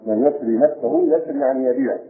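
A man giving a religious lecture as a sheikh teaching Quran commentary, measured and repeating key phrases to explain them. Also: mid-range voice. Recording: echoey room on a tinny lo-fi tape.

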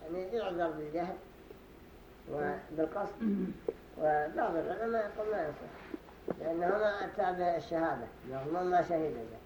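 High-voiced sheikh in an echoey hall. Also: male voice, animated. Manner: deliberate explaining, repeats phrases to show pronunciation. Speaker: sheikh teaching a study circle. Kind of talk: religious lesson commentary. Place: study gathering in a mosque hall. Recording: roomy echo with faint hiss.

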